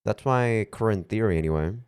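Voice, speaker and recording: Low-voiced man reading a game aloud. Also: brisk, a little mellow, clean tone. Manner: reads narration steadily, breaks off into casual reactions and swearing. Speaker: game streamer. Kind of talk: reading a visual novel aloud with live commentary.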